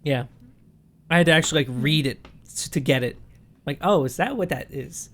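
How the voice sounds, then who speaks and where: A man's voice: on the high side, moderate pace. A man in his thirties co-hosting a podcast, chatting casually, often stumbling and repeating words, self-deprecating. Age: 30s. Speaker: podcast co-host. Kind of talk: casual chat.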